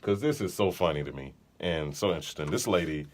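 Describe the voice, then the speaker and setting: A man co-hosts a podcast in casual chat, telling funny stories in a relaxed, joking way. His voice is deep, with lively intonation and a quick pace.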